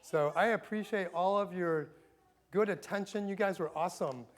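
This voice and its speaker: A man's voice: high-pitched, moderate pace, slight background noise. A middle-aged man giving a playful Bible talk to schoolchildren, reading scripture with drama. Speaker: chapel speaker to schoolchildren. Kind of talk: animated Bible talk for kids.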